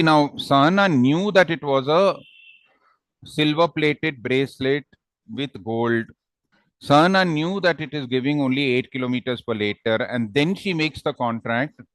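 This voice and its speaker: On a headset microphone, a man with a South Indian accent teaches online in a relaxed manner, giving examples and often finishing phrases with questioning tags. His voice runs on the high side with a fairly bright tone. The low-quality recording has no echo.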